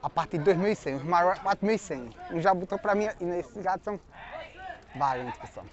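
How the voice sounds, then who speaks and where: Filming from behind a handheld phone, a Northeastern Brazilian man hosts a casual, folksy outdoor vlog as he tours the cattle pens of a livestock market, asking prices and repeating them back, often adding little tag questions. His voice sits high and animated, a bit fast. The outdoor phone audio sounds dull.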